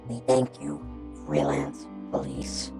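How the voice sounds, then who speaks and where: A vengeful ghostly animatronic bear speaks in an unnaturally deep voice. Every word drags slowly with wide rises and falls in pitch. The grim cartoon spirit sounds menacing and otherworldly. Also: very animated, over music, exaggerated voice. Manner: slow, heavily lowered, drawn-out delivery. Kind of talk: fan animation voice acting.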